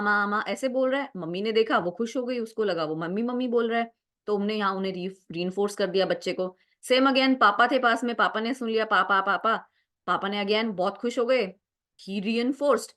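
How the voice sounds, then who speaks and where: Her voice sits on the higher side and sounds somewhat bright. This young adult teacher explains exam material methodically, blending Hindi with English and regularly asking "right?" to confirm understanding.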